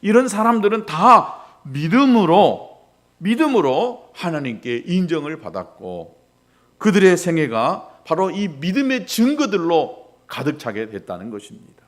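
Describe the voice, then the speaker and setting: A middle-aged male pastor preaching a sermon, swinging between loud rises and quiet drops. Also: very animated, unhurried. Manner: preaching with dramatic rises and drops in pitch and volume.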